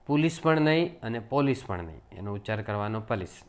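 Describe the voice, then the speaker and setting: A man with a Gujarati accent giving a spoken English pronunciation lesson. He explains in plain teaching talk and says each English word slowly, again and again. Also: fairly low pitch, animated.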